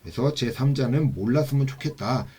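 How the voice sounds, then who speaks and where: A male instructor teaching an exam-prep class in a classroom. He asks rhetorical questions, repeats key terms, and drops to a quiet low voice when he stresses them. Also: a little fast, slightly rough. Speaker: social work exam instructor.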